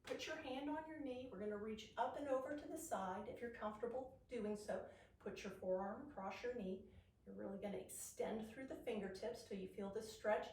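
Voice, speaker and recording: A female aerobics instructor with a fairly high voice, heard in a very echoey room. She guides a follow-along workout, cueing and counting moves with encouragement, a little way off from the mic. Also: brisk, a little mellow, far from the mic. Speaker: aerobics instructor leading a low-impact workout.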